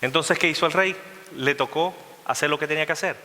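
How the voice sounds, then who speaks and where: A male pastor preaching a sermon, retelling a scripture story in a lively way and asking the congregation questions. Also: fairly high pitch, quick pace. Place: church sanctuary. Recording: long church reverb.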